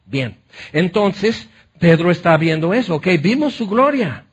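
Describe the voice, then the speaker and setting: A man preaching a sermon, telling the story in a lively way that often slips into acted voices. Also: sits high, measured pace, slight background noise. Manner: animated storytelling, acts out voices. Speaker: pastor.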